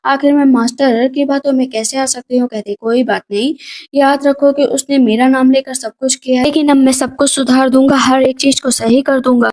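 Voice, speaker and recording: A woman with a high voice narrates a drama recap in a brisk, conversational way. She keeps the story moving and drops in filler phrases as she retells each scene. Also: darkish tone.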